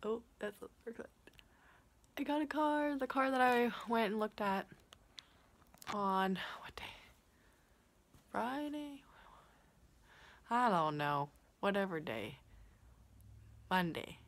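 A young Canadian woman vlogs from a small bedroom, chatting casually into a phone camera held at arm's length and peppering her speech with "like" and "yeah." Her fairly high voice has lively intonation and a slow pace with long pauses. There is slight background noise.

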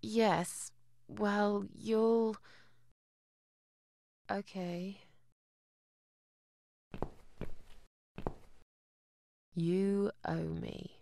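A woman's voice: medium pitch, unhurried, breathy edge, dry recording, studio quality. An actress voicing a weary, withdrawn middle-aged woman in a video game, speaking in a hesitant, sullen and grudging way.

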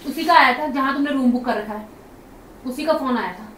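A woman with a very high voice fires off accusations at a rapid pace. She sounds insistent in a heated domestic argument at home. She is recorded away from the mic in an echoey room with faint background noise. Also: fairly bright tone, distant mic. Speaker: wife in a prank skit.

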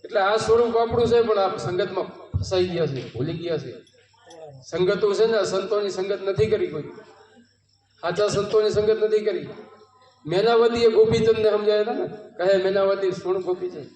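Here a male satsang preacher with a Gujarati accent talks at a moderate pace in a high, darkish voice. Gathered in a home courtyard, he tells parables, quotes devotional verses, and asks rhetorical questions, and the distant microphone catches a roomy sound with a long reverb tail.

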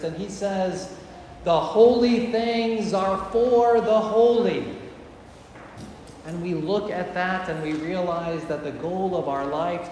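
A man preaching a sermon to a congregation, earnest and emphatic, slowing down to stress key phrases. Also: sits high, a little mellow, a little hiss or hum. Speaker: priest. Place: large church with painted walls, congregation present. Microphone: far camera at the back of the church. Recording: very echoey church hall with faint ambience.

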